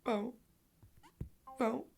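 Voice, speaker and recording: A young man with an Egyptian Arabic accent, casually commenting while playing a game, muttering to himself with sudden loud outbursts. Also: takes it slowly, a little hiss or hum. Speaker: gamer streamer.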